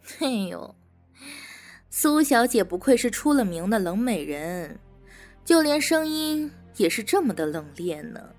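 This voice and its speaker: A woman's voice: a little high, very animated, a little slow, pauses often. A woman voicing a teasing, smug female prison warden and interrogator in an audio drama, with faint music behind. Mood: mocking.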